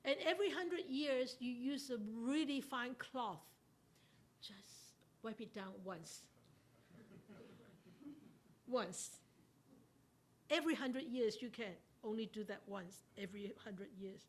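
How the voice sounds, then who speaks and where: This fairly high-pitched voice belongs to a Buddhist nun leading a study class through a Dharma talk. She takes her time, quizzes the group, and laughs a lot.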